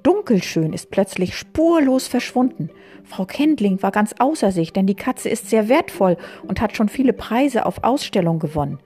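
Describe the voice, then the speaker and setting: A woman voicing a proper, stern mother who scolds her children in a raised, brisk voice. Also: on the low side, big pitch swings, dark tone, soft background music. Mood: agitated.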